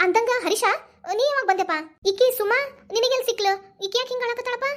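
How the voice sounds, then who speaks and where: A woman's voice: high voice, fairly even intonation, racing, a little mellow, lightly acted. A woman voicing a worried mother in a cartoon, pleading with her husband in a North Karnataka accent. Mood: alarmed. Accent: North Karnataka Kannada. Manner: anxious, pleading. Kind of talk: cartoon voice acting.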